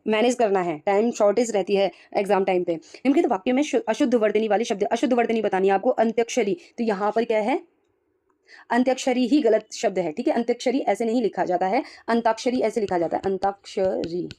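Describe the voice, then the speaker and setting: A woman's voice: mid-range voice, fast talker, mellow. A woman teacher working through exam questions one by one and explaining each answer, often putting rhetorical questions to herself and confirming with "ठीक है.".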